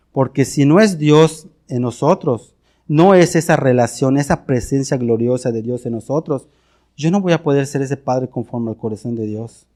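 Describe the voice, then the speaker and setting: A man's voice: mid-range voice, mellow. A middle-aged man with a Mexican Spanish accent, preaching a confessional sermon in an earnest way, often repeating words and restarting phrases. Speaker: pastor.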